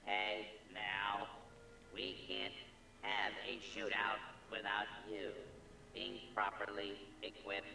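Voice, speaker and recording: An actor playing a folksy robot cowboy in a video game, with an old prospector's slow Western American drawl and a gravelly voice. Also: male voice, lowish voice, completely flat delivery, slight background noise, exaggerated voice. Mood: gruff challenge. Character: folksy old-west robot cowboy gunslinger and park attendant. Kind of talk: video game character acting. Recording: echoey, distant, under loud music.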